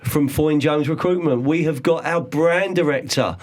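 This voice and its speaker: A man in his forties, hosting a podcast in a studio with casual, upbeat showmanship and slow, drawn-out emphasis. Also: on the high side. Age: 40s. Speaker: podcast host.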